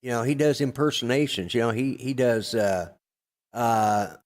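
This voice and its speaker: An older man co-hosting a podcast, chatting casually in a gruff, rambling way with lots of fillers and restarts. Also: mid-range voice, moderate pace. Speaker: podcast co-host. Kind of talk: casual chat.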